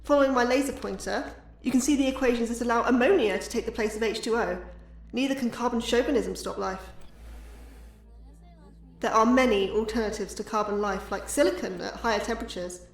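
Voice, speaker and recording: In an audio drama, a woman with a fairly high, natural voice speaks briskly as an enthusiastic yet anxious astrobiologist delivering an academic lecture, earnest and a little awkward. The recording sounds echoey and distant, as in a hall, with music.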